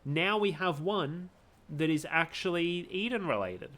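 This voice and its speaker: A man's voice: on the high side, measured pace, a bit bright. A man hosting a gaming video, giving casual commentary as he plays. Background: music.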